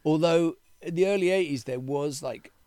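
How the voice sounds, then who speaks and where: A man's voice: fairly high pitch, moderate pace, clear, resonant tone, no room sound. Swearing Englishman telling stories, dry sound. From born in Zambia, raised in Cornwall, England. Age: 50s. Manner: swearing, animated storytelling with acted quotes. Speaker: guest. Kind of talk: casual interview chat.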